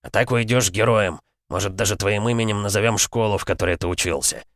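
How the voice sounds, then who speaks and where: A man voicing a cynical middle-aged police chief who scolds sternly and coaxes with false gentleness. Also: lowish voice, a little fast, no echo, studio quality, lightly acted. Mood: falsely gentle.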